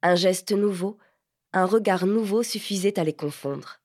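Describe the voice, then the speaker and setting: A woman narrating a literary novel as an audiobook, measured and clear. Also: medium pitch, a little mellow. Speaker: audiobook reader.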